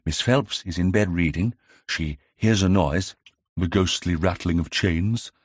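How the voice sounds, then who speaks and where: A man voicing a young 1920s gentleman amateur detective in an audiobook, brisk and self-assured as he theorizes. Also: low-pitched, no echo, studio quality. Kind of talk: audiobook character reading.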